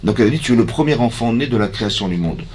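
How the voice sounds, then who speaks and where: Animated rabbi teaching a class. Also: male voice, medium pitch, rapid-fire. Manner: animated, asks listeners questions, acts out dialogue. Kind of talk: lively Torah lesson. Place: community hall.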